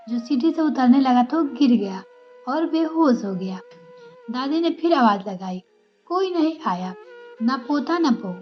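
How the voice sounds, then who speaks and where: A woman with a high voice reads a family story aloud, speaking the characters' lines in her own narrating voice. The recording is a little dull, with soft background music under her. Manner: reads all characters in a mostly even narrating voice. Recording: slightly dull with faint music.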